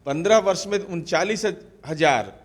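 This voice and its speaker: Forceful man firing rhetorical questions. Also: high voice, expressive, normal speed. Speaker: party spokesperson. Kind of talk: combative political interview answers.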